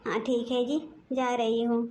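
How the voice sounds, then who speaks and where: A woman's voice: a little high, level tone, a little slow, darkish tone, slight background noise, close to an everyday voice. A woman voicing a meek young wife in a cartoon, pleading and placating with her angry husband.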